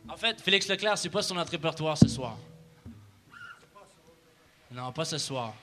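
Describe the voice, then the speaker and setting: A man's voice: a little high, expressive, a little slow, fairly bright tone, soft background music. A man with a Québécois French accent, a musician bantering and joking on a concert stage. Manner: joking, laughing, drawling slang.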